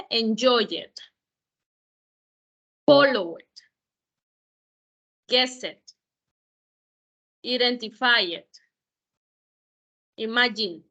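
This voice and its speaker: A woman's voice: a little high, pushed and bright, muffled recording. A woman tutor giving an online grammar lesson, explaining each rule patiently, step by step, with examples. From El Salvador. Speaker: English tutor.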